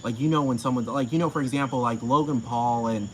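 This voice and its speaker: A man's voice: mid-range voice, steady tone, fast, a little hiss or hum, poor audio. A man ranting to camera in a casual, profane, heated way, repeating himself.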